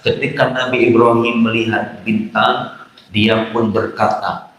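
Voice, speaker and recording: A man's voice: mid-range voice, a bit bright. A male Islamic preacher giving a conversational sermon to a congregation. He acts out quoted dialogue as he tells stories and speaks directly to his listeners. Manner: conversational, addresses the audience directly. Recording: echoey hall with long reverb.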